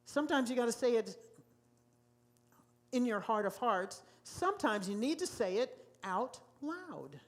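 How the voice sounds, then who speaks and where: A woman's voice: fairly high pitch, very animated, a little slow. A woman pastor preaching a sermon to a congregation in a church, emphatic and given to repeating key phrases. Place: church sanctuary.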